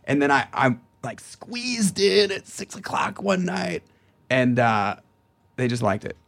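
A man in his forties, an actor guest in a casual chat, telling animated stories with a gravelly, husky voice. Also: medium pitch, unhurried. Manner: animated storyteller, acts out quotes.

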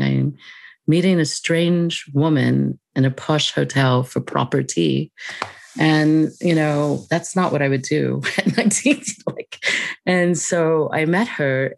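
An interview guest telling a personal story in a casual, reflective way, with many fillers and soft laughs. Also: medium pitch, gravelly.

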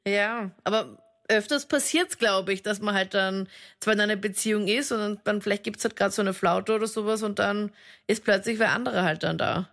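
A woman's voice: medium pitch, fairly even intonation, moderate pace, creaky, fairly bright tone. Sympathetic woman hosting a call-in show. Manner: sympathetic, probing questions. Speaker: radio call-in host. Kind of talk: casual radio call-in chat.

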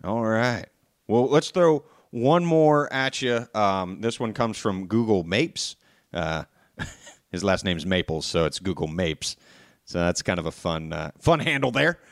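Man, lowish voice, podcast co-host, playful, upbeat, dry close sound. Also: expressive, dry recording. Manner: upbeat, playful, quick asides. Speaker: podcast co-host reading fan questions. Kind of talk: casual podcast chat.

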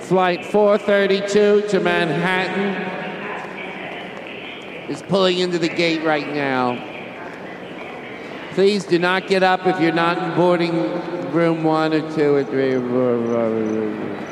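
A man doing a slow airport announcer in big hall echo. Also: fairly high pitch, voice pushed up. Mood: announcing. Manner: drawn-out announcement delivery. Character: male airport gate announcer, slow and official. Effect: big hall echo reverb. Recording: roomy long hall reverb with crowd murmur.

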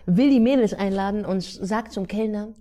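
A young woman telling a party story in casual podcast chat, slangy and animated, acting out her friends' voices. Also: medium pitch, normal speed.

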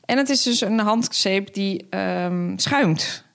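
A woman co-hosting a parenting podcast in casual chat, relaxed and easy to laugh. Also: medium pitch, slow, vocal fry. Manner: relaxed, talks about her own preferences, laughs easily. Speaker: podcast co-host.

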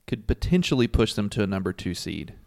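A man's voice: fairly low pitch, sing-song, brisk, creaky, a little mellow, dry recording, clean studio sound. A man co-hosting a sports podcast, chatting in an easygoing, conversational way. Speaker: podcast co-host. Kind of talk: casual sports podcast chat.

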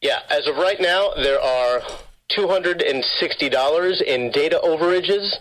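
A man's voice: on the high side, measured pace, a bit bright. A man posing as a phone company caller, speaking in a scripted, repetitive sales-call manner over a garbled phone line that keeps breaking up.

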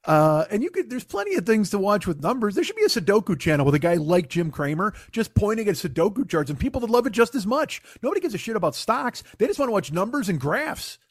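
A man hosting a podcast with a hoarse, gravelly voice as if gargling broken glass, ranting casually and comically with swearing and self-mockery. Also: sits high, very animated, fast, few pauses, no room sound, studio quality. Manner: ranting, foul-mouthed, self-deprecating. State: hoarse after losing voice. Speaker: podcast host. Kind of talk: casual comedic monologue.

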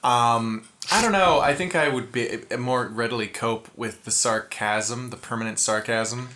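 A man co-hosting a comedy podcast, talking in a rambling, halting, jokey way. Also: mid-range voice, pushed and bright. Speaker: podcast co-host. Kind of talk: casual comedy chat.

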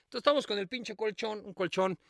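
A man's voice: high-pitched, brisk, vocal fry, fairly bright tone, no echo, clean studio sound. A man with a Mexican accent telling a crude, slang-filled story in a casual podcast chat. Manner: crude slang-heavy anecdote telling with acted quotes. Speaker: podcast co-host.

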